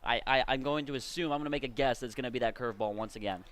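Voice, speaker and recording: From a baseball game, a man of medium pitch and somewhat bright tone delivers rapid-fire color commentary for live radio. His style is conversational and explanatory, and the crowd's ambient noise comes through clearly.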